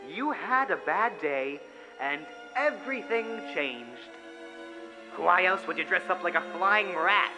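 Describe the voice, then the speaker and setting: Crazy mocking clown supervillain, theatrical, pitch all over the place, drags words out, music behind. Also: male voice. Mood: bitter taunting. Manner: theatrical, taunting, swinging from hushed to shrieking. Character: manic, mocking, theatrical comic-book supervillain clown, adult man. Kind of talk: theatrical comic dub voice acting.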